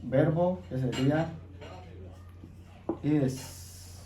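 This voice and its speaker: A man teaching an English class, explaining each step slowly and patiently and checking in with his students. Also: a little high, dark tone. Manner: patient, repeats steps, checks in with "¿ok?". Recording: echoey room, faint background noise.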